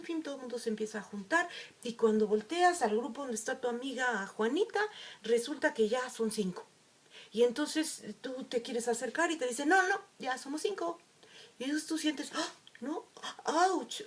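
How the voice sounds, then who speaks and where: A woman giving a reflective talk, telling a story and acting out the quoted lines. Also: fairly high pitch. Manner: storytelling, animated with acted quotes. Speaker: emotional wellbeing speaker.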